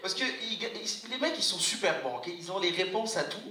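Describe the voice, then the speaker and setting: High-voiced man doing stand-up in a roomy hall. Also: animated. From Algeria. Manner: playful, jumps into quick parody voices. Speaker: stand-up comedian. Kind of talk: stand-up comedy set. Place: live gala hall with audience. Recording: roomy hall, distant mic, loud noise. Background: audience laughter and ambience.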